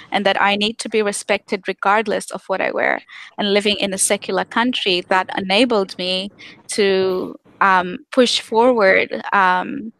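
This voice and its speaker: A woman's voice: mid-range voice, fairly bright tone, no room sound. A young woman from Tanzania giving earnest personal testimony on a live stream, with many "um"s and restarts. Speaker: activist speaker on a live stream.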